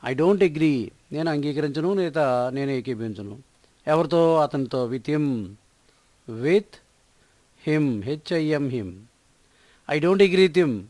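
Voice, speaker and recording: Slow, deliberate woman teaching phrases. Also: low voice, darkish tone, no echo. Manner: deliberate, repeats phrases and spells words letter by letter. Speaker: English teacher. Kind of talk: slow spoken-English lesson.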